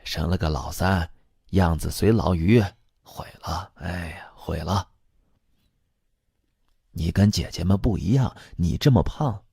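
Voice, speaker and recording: A man's voice: sits low, moderate pace, gravelly, warm tone, slightly rough, dry recording, studio quality, heavily acted. A man voicing a nagging, dismissive mother who coaxes and lectures her daughter. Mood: scornful.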